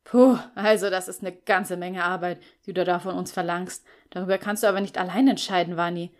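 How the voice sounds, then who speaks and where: A woman reading a calm young flatmate. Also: lowish voice, fairly quick, close to an everyday voice. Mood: diplomatic. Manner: calm, reasoning, laid-back. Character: easygoing diplomatic young male flatmate.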